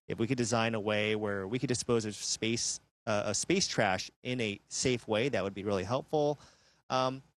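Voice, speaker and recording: A man speaking as an astronaut, giving measured, explanatory answers in a live question-and-answer downlink from a space station. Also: mid-range voice.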